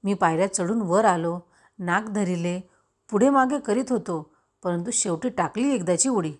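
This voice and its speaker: A woman narrating a classic story in a steady, expressive reading voice. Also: medium pitch, normal speed. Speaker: story reader. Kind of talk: scripted narration of a Marathi classic.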